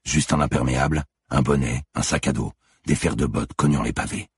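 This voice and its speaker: A man narrating a thriller audiobook in a tense, measured, scripted delivery. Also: a bass voice, fairly even intonation, breathy edge, no room sound, studio quality.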